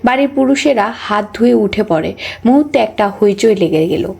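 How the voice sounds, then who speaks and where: A text-to-speech woman's voice reading a novel aloud as an audiobook, keeping an even, flat delivery for every character. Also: mid-range voice, normal speed, creaky, breathy edge. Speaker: audiobook narrator.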